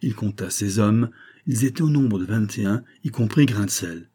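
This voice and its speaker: A man reading a classic adventure novel aloud in a measured storytelling manner. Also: on the low side, dark tone, husky. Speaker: audiobook narrator. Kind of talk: scripted narration.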